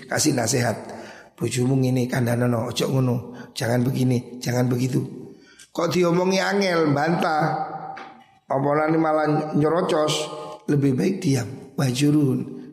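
Gravelly Javanese preacher in an echoey hall. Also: male voice, medium pitch, a little mellow. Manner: explains Arabic text in Indonesian and Javanese, repeats advice. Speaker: preacher teaching a hadith book. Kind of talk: religious lecture.

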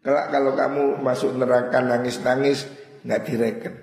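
A middle-aged man with a Javanese accent teaching a classical religious text, chanting scripture slowly and explaining it in a sermon. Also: medium pitch, level tone, a little mellow. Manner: slow deliberate, chants Quranic verses. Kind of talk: traditional kitab study sermon. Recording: echoey hall with long reverb.

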